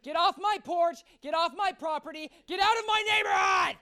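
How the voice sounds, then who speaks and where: A man voicing a furious male homeowner who shouts at a salesman to get off his porch. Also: very high voice, moderate pace, some chatter behind, voice pushed up, full character voice. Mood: furious yelling. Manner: shouting, enraged.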